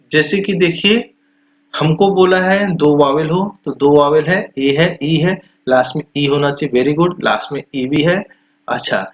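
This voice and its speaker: A man teaching English pronunciation in Hindi. He stretches out the example words slowly and loudly and explains each rule in repetitive steps. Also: a little high. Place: small classroom or institute room. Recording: echoey room, dull lo-fi sound.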